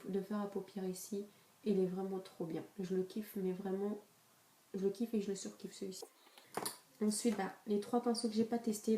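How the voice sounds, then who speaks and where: A young woman rambles through a makeup haul in a soft, mellow voice, pausing on fillers and restarting sentences. Her pitch stays flat and even, and she sits a little back from the camera mic in an echoey room with faint hiss. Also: recorded from a distance. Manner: chatty, hesitant, many fillers and restarts. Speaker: beauty vlogger. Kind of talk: casual makeup haul review.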